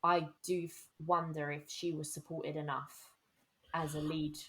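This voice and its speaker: A young adult woman chats casually as a podcast co-host. Her voice sits a little low. She talks in a lively, chatty way with frequent laughs. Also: unhurried. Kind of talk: casual chat.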